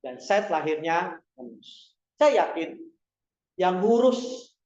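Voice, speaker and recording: A man preaching a sermon to his congregation, animated and often asking them questions. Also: high voice, slow pace. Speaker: pastor. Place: large church hall. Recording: echoey hall, dull sound.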